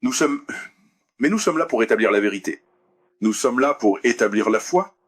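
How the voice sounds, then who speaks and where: A man's voice: mid-range voice, lively intonation, moderate pace, a bit bright, slightly rough. Earnest man making his case in a debate. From United States. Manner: earnest, repeats phrases for emphasis; addresses the crowd directly. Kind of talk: debate speech to an audience.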